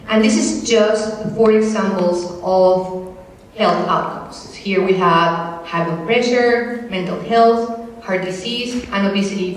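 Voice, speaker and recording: A woman's voice: medium pitch, distant mic. Colombian-born woman lecturing in an echoey hall. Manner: measured, explanatory, steady. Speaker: panel speaker. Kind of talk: lecture presentation.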